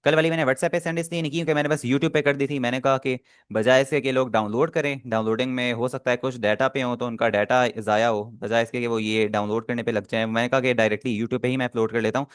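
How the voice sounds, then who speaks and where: A man's voice: mid-range voice, steady tone, fast, hardly any pauses, clean tone, dry recording, studio quality. A man teaching an online class, explaining step by step and often checking that students follow. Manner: explains patiently, often asks "theek hai?" to check.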